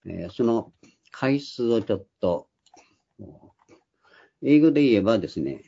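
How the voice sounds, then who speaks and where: A man's voice: mid-range voice, lively intonation, unhurried, vocal fry, mellow, husky. An older man giving a Bible study lecture, explaining patiently with frequent hesitant fillers, in a dull lo-fi recording. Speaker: Bible teacher.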